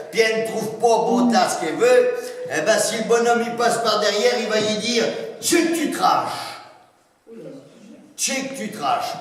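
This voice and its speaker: A man's voice: sits high, a bit bright. A man with a Norman accent doing a folksy, teasing stand-up monologue before a live audience, full of interjections and rural slang. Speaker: stage comedian. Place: large indoor hall with a live audience. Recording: echoey hall, recorded from far off.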